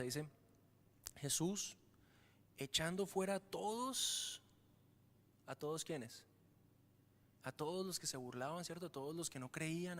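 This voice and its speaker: A man preaching a sermon in a church hall, acting out the mocking voices of doubters. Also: high voice.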